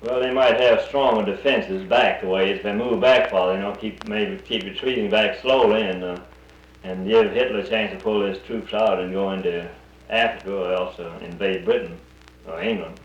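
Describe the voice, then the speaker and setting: A man's voice: lowish voice, steady tone, moderate pace, muffled recording. A man, heard on an old 1941 archival recording, speaking bluntly and often restarting his sentences in casual conversation. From North Carolina. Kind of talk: casual conversation about the war. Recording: roomy old recording with faint hiss.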